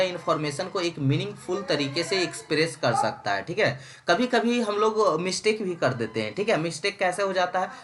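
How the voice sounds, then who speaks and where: A man's voice: sits high, fairly bright tone. A young man giving a recorded engineering lecture, mixing English terms into his talk and checking in with his students often. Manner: repeats "ठीक है" often, reads English lines slowly. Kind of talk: recorded online lecture in Hindi-English mix.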